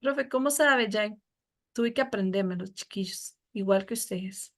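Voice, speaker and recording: A woman's voice: mid-range voice, unhurried, a bit bright. A woman teacher with a Costa Rican Spanish accent, explaining a lesson patiently to her students. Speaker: English teacher.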